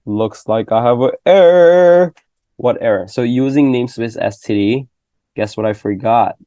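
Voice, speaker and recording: A man's voice: mid-range voice, moderate pace, warm tone, no echo. A man in his twenties giving a casual, loose coding lesson, checking in often with "okay?" and "right?". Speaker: programming tutor.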